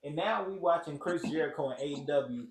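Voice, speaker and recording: A blunt, profane man hosts a casual podcast chat in a fairly high voice. He talks in asides. His voice rings in a roomy space with a faint hiss underneath. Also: fairly quick. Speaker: podcast host. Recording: echoey room with faint noise.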